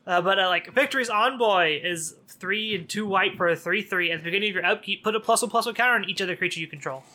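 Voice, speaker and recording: A man with a bright, forceful voice talks casually on a podcast, pitched a little higher than most men. He leans into sarcasm and laughs often. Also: fast. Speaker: podcast co-host. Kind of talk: casual card game chat.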